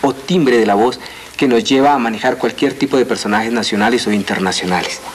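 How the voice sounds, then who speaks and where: A man's voice: mid-range voice, brisk, slight background noise. A man, a voice coach, explaining his craft in an earnest, lecturing way. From Colombia. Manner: earnest, lecturing, lists things out. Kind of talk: TV interview.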